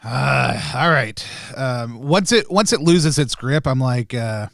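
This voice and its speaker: A man's voice: medium pitch, expressive, takes it slowly, vocal fry, a bit bright, dry recording, studio quality. A man chatting casually as he improvises his part as a player in a tabletop role-playing game.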